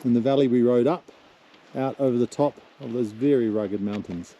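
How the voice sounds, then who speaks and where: A man's voice: mid-range voice, normal speed, muffled recording. A man leading a motorcycle tour, narrating a travel vlog at mountain monasteries in a reverent, wondering way. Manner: wondering, softly reverent in temples. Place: outdoors and inside mountain monasteries. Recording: noisy outdoor recording.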